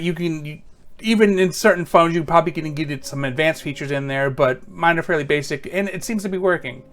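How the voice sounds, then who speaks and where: Male how-to presenter, noticeably high pitch, informal and matter-of-fact delivery. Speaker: tech tips presenter.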